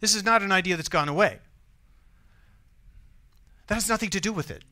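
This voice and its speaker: A man's voice: sits high, brisk, sharp tone. A man with an American accent preaching a sermon in a church, conversational and often asking the congregation questions. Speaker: pastor.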